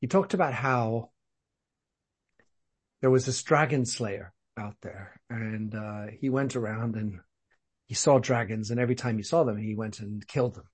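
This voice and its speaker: A man with a posh English accent, a podcast guest telling a story in a thoughtful, measured way. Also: lowish voice, fairly even intonation, darkish tone, breathy edge. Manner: thoughtful, measured, some repeated words. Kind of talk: conversational storytelling.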